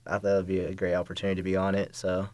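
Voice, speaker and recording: A man's voice: low voice, completely flat delivery, racing, darkish tone, no room sound. A man of twenty-one, a college student and podcast guest, chatting casually and laughing often.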